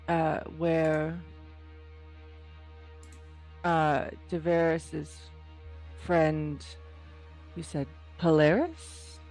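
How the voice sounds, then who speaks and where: A player in a tabletop game speaking hesitantly with many pauses and "uh"s. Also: medium pitch, gravelly, darkish tone. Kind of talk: tabletop role-play.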